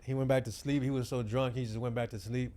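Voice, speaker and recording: A man's voice: medium pitch, flat delivery, fast, mellow. A man guest on a chat show, telling stories in a laid-back, slang-heavy way and laughing along. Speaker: guest rapper. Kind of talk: casual storytelling chat.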